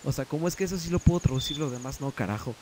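A man's voice: on the high side, rapid-fire, background noise. A man with a Mexican Spanish accent giving casual let's play commentary, muttering and swearing as he translates. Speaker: gameplay commentator.

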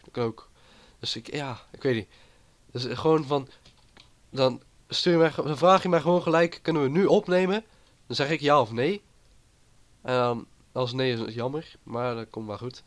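A man's voice: medium pitch, a bit bright. A man with a cold, rambling casually as he comments on his own gameplay. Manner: rambling and chatty. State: has a cold. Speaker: gaming YouTuber.

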